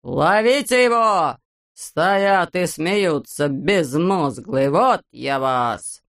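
A woman's voice: on the low side, clear, resonant tone. A woman voicing a bald, bossy, greedy male landowner who screeches, drags out his words and hurls insults, as a character in an audiobook. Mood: furious. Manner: screeching, drawn-out yelling, name-calling.

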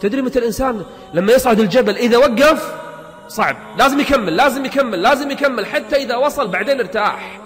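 Fast, high-voiced preacher. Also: male voice. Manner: emphatic, rapid rhetorical questions and repetition. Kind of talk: motivational sermon. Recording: long hall reverb with background music.

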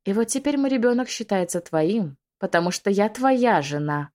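A woman playing a spiteful witch, high, mocking, hissing, audiobook villainess. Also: expressive, moderate pace, mellow, natural voice. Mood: taunting. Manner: hissing, taunting. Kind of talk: audiobook reading.

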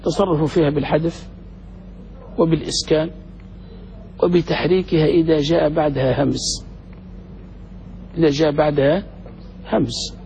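A man's voice: fairly high pitch, creaky, a little mellow. A male sheikh teaching grammar, firing questions at his class. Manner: quizzes students with rapid questions. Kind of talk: classroom lesson with questions to students. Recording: dull lo-fi recording in a reverberant hall with faint noise.

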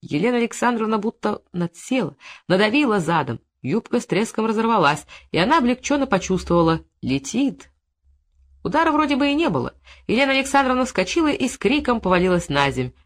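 A woman narrating an audiobook in an expressive literary style. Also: mid-range voice.

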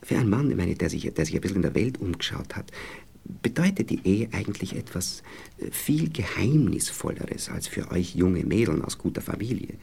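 In a radio play, an actor with an Austrian accent portrays a smug, moralizing husband lecturing his young wife in a pompous, patronizing tone while hesitantly groping for words. His low voice is sing-song and brisk, creaky yet a little mellow, with a breathy edge and a heavily acted delivery.

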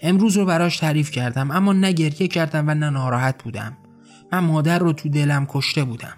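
A man narrating his own short story as an audiobook, reading in a calm, measured way. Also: a little high. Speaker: author and narrator. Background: faint music.

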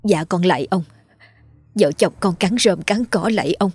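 A woman's voice: lowish voice, normal speed, a little mellow, slightly rough, no room sound. A woman voicing a terrified peasant mother who grovels and begs for mercy. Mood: begging. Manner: begging, tearful pleading.

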